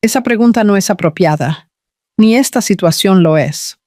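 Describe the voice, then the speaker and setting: A man voicing a composed young woman, a secretary who answers her boss calmly and coolly. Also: mid-range voice, moderate pace, no echo, studio quality, natural voice. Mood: cold firm. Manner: calm, cool replies. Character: composed young female secretary, cool and firm.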